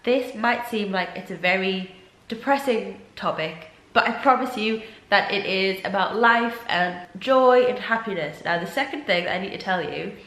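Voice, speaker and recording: A woman's voice: normal speed, a bit bright. A young woman with a blocked nose and a sore throat talks to camera in a casual vlog. Her voice sits mid-range and sounds nasal and tired, though she stays earnest and thoughtful. The room around her is roomy and echoey. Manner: earnest, reflective, low-energy. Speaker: vlogger.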